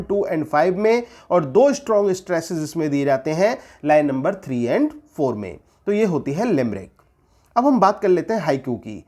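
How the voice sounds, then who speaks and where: A man with an Indian accent giving an exam-prep English literature lesson in Hindi. He reads English definitions slowly, then repeats and explains them. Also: sits high, a little mellow. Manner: repeats key points and quizzes the listener.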